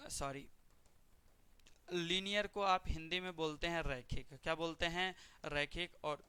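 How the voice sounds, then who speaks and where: A man's voice: on the high side, sharp tone, clean tone, no echo. A man teaching a chemistry exam-prep lesson, putting questions to his students and answering them himself.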